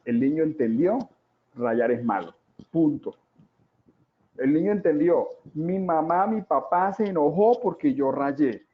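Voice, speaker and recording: A man in his forties giving a talk on child development, dramatic and full of rhetorical questions and drawn-out repetitions. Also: on the high side, expressive. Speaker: parenting educator. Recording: tinny, phone-like sound.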